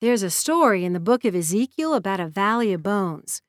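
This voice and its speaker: Woman reads gentle Southern mechanic, earnest, reassuring, dry read. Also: medium pitch, big pitch swings, a little fast, no echo, close to an everyday voice.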